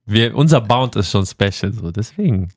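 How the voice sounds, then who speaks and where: A man's voice: on the low side, expressive, normal speed, a little mellow, no room sound, clean studio sound. A man co-hosting a casual chat in slangy speech with English and Arabic words, often repeating himself. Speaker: podcast co-host.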